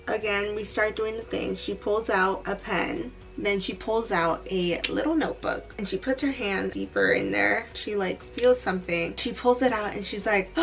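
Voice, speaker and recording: A young woman telling a get-ready-with-me storytime, animated and laughing, slipping into Spanish now and then. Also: mid-range voice, a little slow, creaky, soft background music. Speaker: beauty vlogger.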